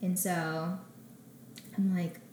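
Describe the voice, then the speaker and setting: A young adult woman, a guest on an interview show, telling her story in a casual way and acting out conversations with lively back-and-forth. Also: lowish voice, slight background noise. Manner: animated, acts out conversations in quick back-and-forth. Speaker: podcast guest, small bakery founder. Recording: roomy echoey room.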